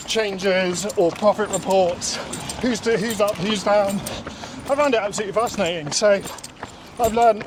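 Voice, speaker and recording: A man with a high-pitched voice answers interview questions casually as he runs along. He is recorded outdoors in an urban setting, with clear noise around his voice. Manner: talking while running outdoors. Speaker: interview guest. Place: outdoors in an urban area, on the move.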